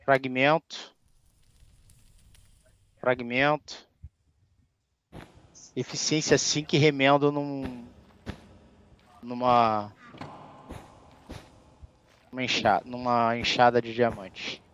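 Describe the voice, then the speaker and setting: A man co-hosting a casual gameplay livestream, slangy and relaxed, thanking viewers. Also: medium pitch, very slow, long pauses, muffled recording, slight background noise. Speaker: streamer, co-host.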